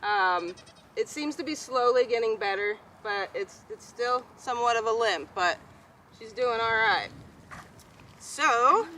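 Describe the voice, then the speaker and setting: A woman's voice: a little high, bright, forceful tone. A woman vlogging casually as a goat farmer, chatty and affectionate when she talks to her animals. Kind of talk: casual vlog narration. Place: outdoors in a goat pasture. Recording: outdoor noise with bleating goats. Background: goats bleating, faint outdoor ambience.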